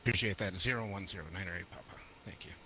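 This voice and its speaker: A man's voice: low voice, steady tone, rapid-fire. A man speaking as a pilot over the radio, giving clipped, hesitant readbacks to air traffic control. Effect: aviation radio. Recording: noisy, distant radio transmission.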